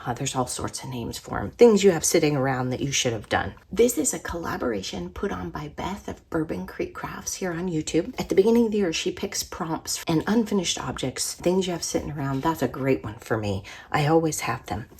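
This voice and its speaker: Husky-voiced woman with a cold. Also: low voice, animated, brisk, hardly any pauses. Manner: chatty, rambling, soft-spoken at times. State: sick, voice worn from a cold. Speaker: craft channel host. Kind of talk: casual crafting show-and-tell.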